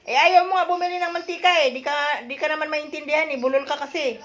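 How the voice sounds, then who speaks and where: An older woman speaks in a high voice as she playfully questions a small grandchild. Her tone is bright and a little sharp, and she keeps up a teasing run of quick questions in a casual home vlog. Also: fairly even intonation. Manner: teasing, rapid-fire questions. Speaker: grandmother vlogger.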